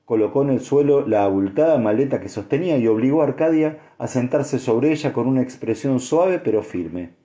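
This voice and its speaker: Dark-voiced male audiobook narrator. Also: mid-range voice, lively intonation, fairly quick, few pauses. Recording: echoey room.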